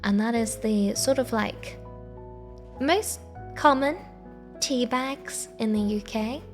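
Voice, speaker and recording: A woman streamer chatting casually in a sleepy, soft, meandering way. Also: on the high side, slow. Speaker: live streamer. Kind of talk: casual rambling livestream chat. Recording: soft background music. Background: quiet background music.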